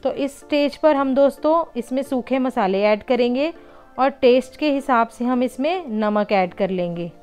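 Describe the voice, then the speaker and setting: Over soft background music, a woman with a high-pitched, darkish, clear and resonant voice narrates her home cooking channel a little slowly. She patiently walks through each recipe step and frequently calls her viewers friends.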